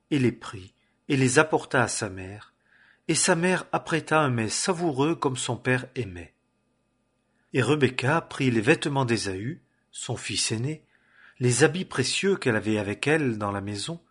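A man reading a Bible passage aloud in measured, solemn phrases. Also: medium pitch, lively intonation, a bit bright, slightly rough. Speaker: scripture reader.

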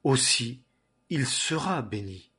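A man reading aloud the part of an elderly patriarch father, in a husky voice. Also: medium pitch, animated, slow, pushed and bright, full character voice. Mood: shaken.

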